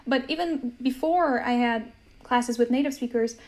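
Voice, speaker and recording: Young woman, Polish native, American accent, slightly high voice, casual and chatty. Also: normal speed, a little mellow. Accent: American English. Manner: chatty, uses many fillers, laughs easily. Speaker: language-learning guest. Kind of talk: casual conversation.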